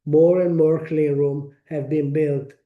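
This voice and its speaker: A man with a strong Italian accent presenting a technical webinar, speaking haltingly with frequent pauses and restarts. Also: a little high, level tone, narrow, tinny audio. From Italy. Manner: halting, many fillers and restarts.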